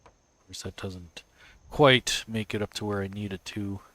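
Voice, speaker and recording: At a measured pace and with no room sound, a man with a cold, somewhat low-pitched, stuffy and sniffly, narrates his build. It's relaxed stream talk, loose and casual, as he mutters and thinks out loud.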